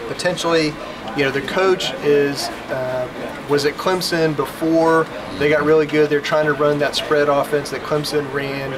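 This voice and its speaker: Male co-host, calm analysis over a live crowd; voice sits a bit high. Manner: measured, analytical, with fillers. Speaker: football podcast co-host. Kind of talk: casual sports analysis. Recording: live show with crowd behind. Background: crowd noise.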